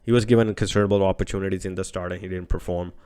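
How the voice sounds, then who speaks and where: Man host, stuffy nasal cold voice, low and smooth, opinionated casual sports talk. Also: fairly even intonation, racing, dark tone. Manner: opinionated, conversational, informal.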